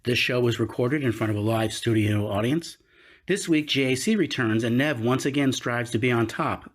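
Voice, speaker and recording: Guy as a sci-fi villain announcer, husky rough voice, mock solemn, reading a show intro. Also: medium pitch, moderate pace, close to an everyday voice.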